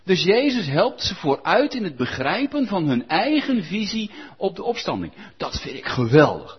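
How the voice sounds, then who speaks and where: A man preaching a sermon in a lively, conversational, coaxing way, in a dull lo-fi recording. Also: mid-range voice, slightly rough.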